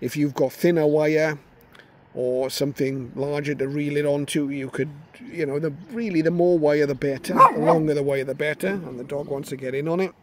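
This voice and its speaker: A man shows off a radio antenna in a garden, chatting casually as he thinks aloud, using fillers and restarting himself. The phone capturing him sits near the radio, which gives off static and station audio; his voice is on the high side, steady, at normal speed.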